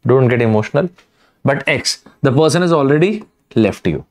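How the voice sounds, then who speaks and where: A man's voice: mid-range voice, animated, normal speed, a little mellow. A young man with an Indian English accent, teaching a live online vocabulary lesson with energy, repeating words and asking viewers to type answers. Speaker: online exam tutor.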